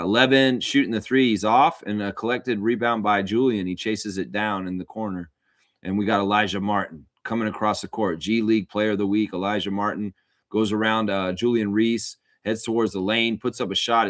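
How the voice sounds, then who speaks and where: A low-voiced man hosts a livestream watchalong, mixing amateur play-by-play of a basketball game with casual chat to viewers in an informal, opinionated fan style. His voice is a bit bright, and the sound is close and dry with no echo.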